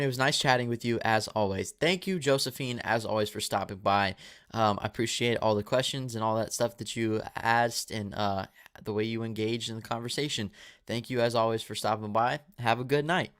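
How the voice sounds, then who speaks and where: A man's voice: mid-range voice, fairly bright tone, clear, resonant tone. A man in his twenties hosting a live movie Q&A, reading viewer questions and answering in a casual, rambling way with a dry mouth. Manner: casual, rambling, with fillers and restarts. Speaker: movie channel host.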